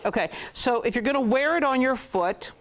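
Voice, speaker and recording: A woman's voice: a little high, lively intonation, a little fast. Playful woman teaching a class. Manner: playful, laughs often, jokes with students; repeats words for drilling. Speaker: Hebrew teacher. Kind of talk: classroom lesson.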